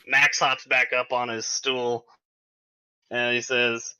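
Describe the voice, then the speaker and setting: Bright-voiced man narrating a game. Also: mid-range voice, slow, clear, resonant tone, poor audio. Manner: relaxed narration with many fillers. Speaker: game master.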